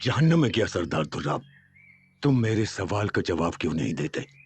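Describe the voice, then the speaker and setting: A man voicing a gruff old chieftain. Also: deep voice, very animated, moderate pace, slight background noise. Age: older. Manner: barking, impatient questions. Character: gruff old male chieftain, short-tempered grandfather.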